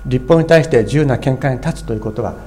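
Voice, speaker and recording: A man's voice: medium pitch, quick pace, warm tone. A middle-aged man preaching a sermon in an earnest, explanatory way, with fillers and restarts as he goes. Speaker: pastor.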